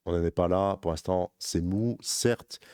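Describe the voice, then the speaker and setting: A man talking rapidly and informally as a crypto trading analyst, walking the viewer through charts in a rambling, self-correcting way. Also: low voice, mellow, clean tone, no echo, studio quality. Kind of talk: casual chart walkthrough addressing viewer as tu.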